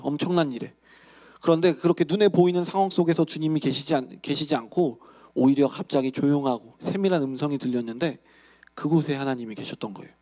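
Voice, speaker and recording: A young man, a youth pastor, telling a Bible story in a lively sermon and acting out the characters' lines. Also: a little high.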